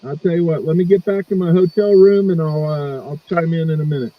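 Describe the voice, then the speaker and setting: A man's voice: fairly high pitch, fairly quick. A man calling in to a stream, chatting casually and a bit hesitantly, his voice muffled as if through a wall. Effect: muffled, as if heard through a wall. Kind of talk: casual chat. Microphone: phone held away from the mouth. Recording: muffled lo-fi phone audio from far off.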